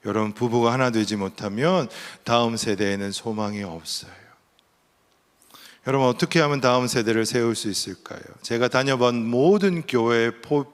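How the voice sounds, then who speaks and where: A middle-aged man giving a guest sermon-style lecture in a church, telling animated stories and acting out the voices in them. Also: fairly low pitch, clear, resonant tone. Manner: animated storytelling, acts out his own and God's lines. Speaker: guest speaker. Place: church sanctuary. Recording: long hall reverb.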